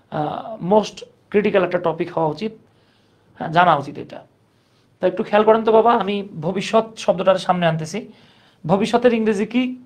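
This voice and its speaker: A man teaching English grammar in a relaxed, conversational way, asking students questions and joking along. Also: sits high. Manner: conversational, asks the class questions, jokes. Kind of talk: grammar lesson.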